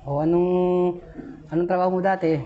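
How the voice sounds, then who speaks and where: A man interviewing police applicants in a casual street interview, teasing and asking quick questions. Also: sits high, flat delivery, narrow, tinny audio, a little hiss or hum.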